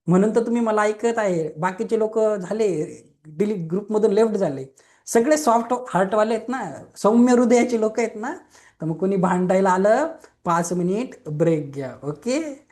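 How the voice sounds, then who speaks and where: Through an online webinar mic, a young adult man teaches Reiki in a high-sitting, slightly mellow voice at normal speed. He keeps his explanations simple, uses everyday examples and questions, and frequently asks whether listeners agree.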